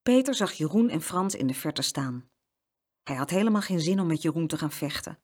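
A woman reading a children's story aloud as narrator, with expressive storytelling. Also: low voice, fairly quick.

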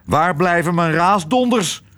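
A man voicing a grumpy, blustering old retired admiral who shouts in a storybook reading. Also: high voice, animated, unhurried, voice pushed up. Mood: furious. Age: older.

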